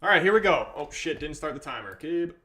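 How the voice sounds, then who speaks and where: Hosting a laid-back live stream, a man from England with an English accent talks over a football match and reads viewer comments out loud. His voice is on the high side, animated and bright, with a forceful tone and a fairly quick pace.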